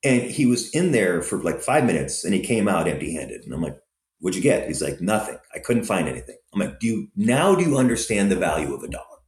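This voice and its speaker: In a reverberant space, a man from Southern California who runs and invests in restaurants tells stories in an interview, full of fillers and lively energy. He speaks a little fast in a deep voice.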